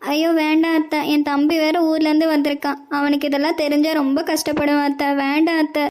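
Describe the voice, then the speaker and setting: A woman voicing a gentle young wife in a Tamil cartoon, talking softly and pleading. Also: high-pitched, level tone, fairly quick, natural voice. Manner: soft and pleading.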